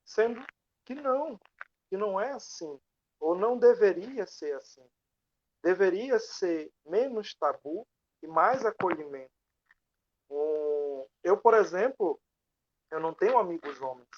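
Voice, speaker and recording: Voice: medium pitch, expressive, unhurried, long pauses, a little mellow, dull audio. An impassioned speaker in a casual live-stream discussion, asking many rhetorical questions and acting out quoted dialogue. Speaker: panelist in an online live talk. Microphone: video call.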